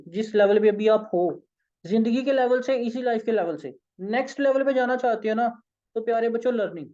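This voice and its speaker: A hoarse, tired man with a Pakistani accent, leading an online sales training session in an informal, coaxing way. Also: sits high, dark tone, dull audio. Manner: informal, coaxing, keeps saying "okay". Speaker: sales trainer and company founder.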